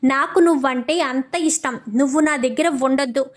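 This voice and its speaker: A woman's voice: sits high, normal speed, natural voice. A woman voicing an anguished young husband pleading and confessing his love.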